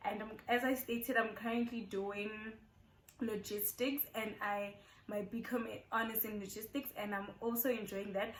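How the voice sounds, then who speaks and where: A slightly high, fairly bright voice belongs to a young South African woman in her twenties. She's a YouTuber chatting casually in a get-to-know-me video, often repeating points for emphasis, recorded in an echoey room.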